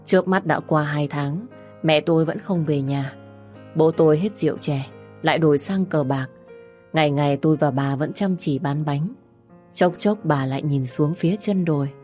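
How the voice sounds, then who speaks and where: A woman calmly narrating a dramatic story in an even reading style. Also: sits low, normal speed, faint music behind.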